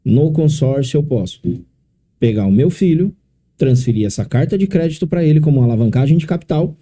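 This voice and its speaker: São paulo guy, middle-aged, deep dark mellow voice, walks you through it patiently. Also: lively intonation, a little fast, slight background noise. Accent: São Paulo Portuguese. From São Paulo, Brazil. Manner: explains step by step, often adding tag questions. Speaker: consórcio specialist guest. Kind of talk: explanatory podcast interview.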